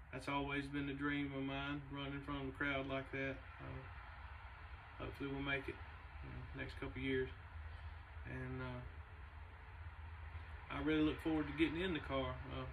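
A laid-back man talks in a flat, even tone and stops often for fillers. He sits in a large garage shop, and his voice comes from a camera several meters away, so it sounds distant and roomy. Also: mid-range voice, measured pace, creaky, background noise. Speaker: race car builder and shop owner. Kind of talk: casual vlog talk. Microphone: camera a few meters away.

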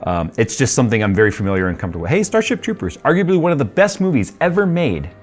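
A man's voice: mid-range voice, sing-song, rapid-fire. A man in his forties casually reviewing tech gear, talking in a chatty, rambling way with frequent ums and laughs, in a studio room with a desk setup. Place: studio workshop and desk setup with purple and red lighting.

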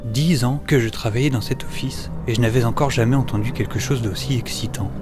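In a French audio drama, a man voices an eager, timid notary's clerk recounting his own story, narrating in a measured, wry first person while stammering hesitantly in dialogue. His mid-range, fairly quick voice sounds close to everyday speech, with music in the background.

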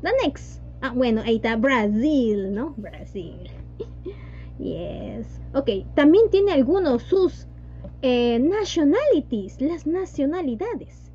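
High-voiced woman teaching online. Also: very animated, slow pace, dark tone. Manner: mixes Spanish and English, repeats "yes" and "¿no?". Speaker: English teacher. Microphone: video call. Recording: dull lo-fi online call audio with faint hum.

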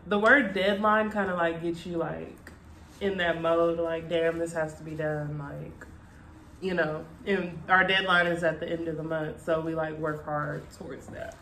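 A woman's voice: fairly low pitch, little pitch movement, unhurried, sharp tone. A young woman co-hosting a mukbang in casual chat, chewing while she talks. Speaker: mukbang video co-host. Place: indoor room at a table. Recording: echoey room, light background noise.

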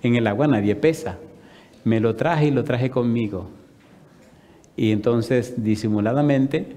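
A male pastor telling a testimony in a sermon, an animated storyteller firing off punchy rhetorical questions. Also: mid-range voice. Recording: long reverb of a large hall.

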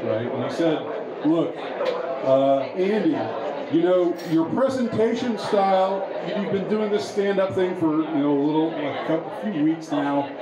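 A man doing a stand-up set in a bar, talking in a halting, rambling way with many restarts. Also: on the high side. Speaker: stand-up comedian. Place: bar with a pool hall. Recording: echoey bar with crowd behind.

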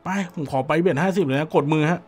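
A hoarse man with a Thai accent, chatting excitedly with his viewers while commentating an online slot game. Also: on the high side, fast talker, faint music behind. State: hoarse, dry voice.

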